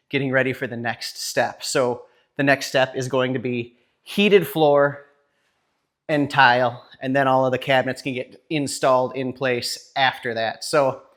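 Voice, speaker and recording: A man hosting a woodworking channel, casually showing cabinet work while filming one-handed, chatty and talking to himself now and then. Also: mid-range voice. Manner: relaxed, chatty, self-talk while filming.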